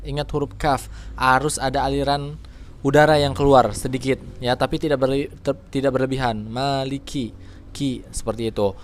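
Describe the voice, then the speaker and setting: A man teaching Quran pronunciation, explaining each letter patiently and slowly drawing out the recited examples. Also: mid-range voice. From Indonesia. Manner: patient, careful, drawing out sounds slowly to demonstrate.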